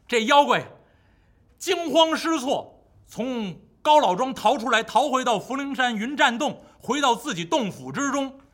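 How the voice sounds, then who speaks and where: A man's voice: very high-pitched, animated, normal speed, a bit bright. A man telling a classic story in the traditional storytelling style, vivid and full of spoken sound effects.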